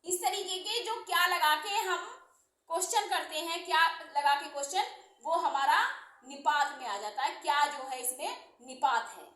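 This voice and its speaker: A woman teaching Hindi grammar, explaining slowly and repeating each term with examples. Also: sits high, bright, forceful tone, roomy sound. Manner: slow, repeating terms and examples. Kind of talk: explanatory lesson.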